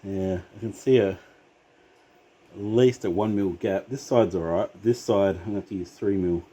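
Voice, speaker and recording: Low, mellow Australian tradesman, muttering while working. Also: normal speed, lo-fi sound, a little hiss or hum. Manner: laid-back Aussie tradesman, muttering to himself as he works. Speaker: vlogger doing a DIY hardware modification. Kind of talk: casual hands-on workshop commentary. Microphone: handheld camera.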